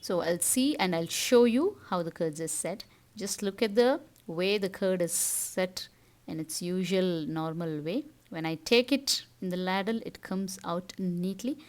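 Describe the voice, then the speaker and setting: A woman's voice: fairly low pitch, measured pace, darkish tone. Tamil-accented Indian woman giving household tips. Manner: instructive, step-by-step explaining. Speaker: home-tips vlog host. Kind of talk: casual how-to narration.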